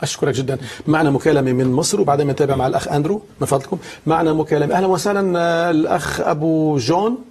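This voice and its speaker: A man's voice: a little high, fairly even intonation, very fast, few pauses, darkish tone, a little hiss or hum. A man with a Levantine accent, a pastor hosting a call-in talk show, asking questions and affirming briefly. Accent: Levantine Arabic. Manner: inquisitive, short affirming interjections. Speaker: host and pastor.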